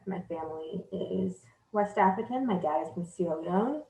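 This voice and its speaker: A woman in her twenties answers interview questions calmly, with a mellow, somewhat low voice. The room is echoey. Faint ambience runs behind her. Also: normal speed, gravelly. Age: 20s. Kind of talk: documentary interview.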